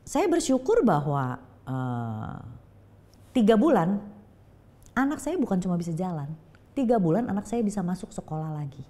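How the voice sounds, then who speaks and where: A middle-aged woman giving an emotional personal testimony as a talk show guest, telling her story with lively, acted-out storytelling. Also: fairly low pitch, normal speed, long pauses. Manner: lively storytelling, acting out quoted voices.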